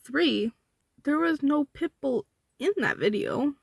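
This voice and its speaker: A woman's voice: high-pitched, lively intonation, takes it slowly, vocal fry, no room sound. A young woman giving casual, argumentative commentary in reply to online comments, counting off her points indignantly. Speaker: vlogger with a service dog.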